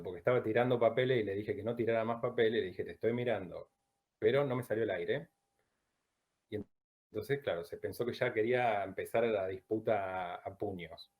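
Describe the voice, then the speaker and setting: A man from Latin America teaching a Chinese pronunciation class, who drills sounds slowly and checks in with "¿bien?" after each point. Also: on the low side, darkish tone. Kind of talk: online class lecture.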